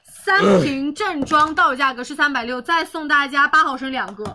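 A woman co-hosting a live shopping stream, briskly echoing and clarifying the details of each deal. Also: high-pitched, sharp tone, slight background noise. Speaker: livestream sales co-host.

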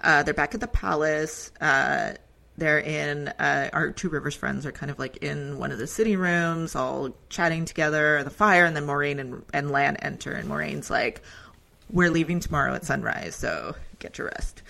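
A bright, edgy woman's voice with a gravelly fry underneath, chatting through an episode recap on a podcast. She talks in an animated, loose way, laughing often and leaning on "like" and "um". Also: deep voice, moderate pace. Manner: animated, acts out character lines in exaggerated voices. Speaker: podcast co-host. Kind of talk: casual recap chat.

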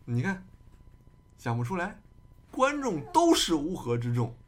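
A man's voice: fairly high pitch, wildly swooping pitch, measured pace. A man hosting a casual livestream chat, arguing his case with many rhetorical questions. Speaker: streamer host.

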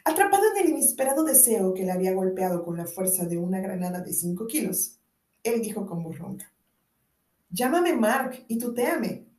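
A woman reads a novel aloud at a middle pitch, with expressive delivery. The room adds a clear, roomy echo to her voice. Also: brisk, far from the mic. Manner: expressive reading with voiced dialogue. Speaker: narrator. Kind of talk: audiobook narration.

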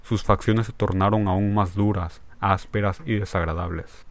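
A man narrating a classic short story in a measured, steady audiobook reading. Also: deep voice.

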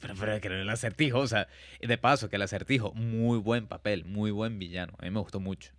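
A man with a Venezuelan Spanish accent, co-hosting a casual film-review podcast in a relaxed, teasing way. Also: on the low side, fast talker, dry recording, studio quality. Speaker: podcast co-host.

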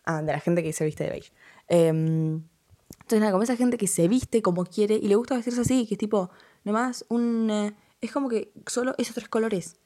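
A woman's voice: medium pitch, normal speed, dark tone. Blunt Argentine girl ranting on fashion. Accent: Argentine Spanish. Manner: blunt, dismissive, repetitive "no, no". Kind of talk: casual opinion vlog.

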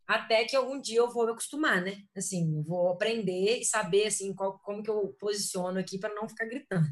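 A woman's voice: mid-range voice, a little fast. A Brazilian woman co-hosting a casual live chat, speaking hesitantly with many fillers. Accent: Brazilian Portuguese.

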